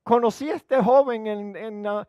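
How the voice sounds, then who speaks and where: A man's voice: high-pitched, normal speed, dark tone, dry recording, lo-fi sound, voice pushed up, lightly acted. A man voicing his bubbly young adult daughter as she gushes about a new boyfriend, mixing in English phrases. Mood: gushing.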